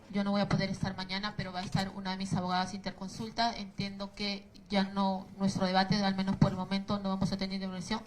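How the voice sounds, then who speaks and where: A woman's voice: mid-range voice, darkish tone, a little hiss or hum, poor audio. A woman defense lawyer with a Peruvian Spanish accent, arguing formally in a courtroom and laying out her points one by one with insistence.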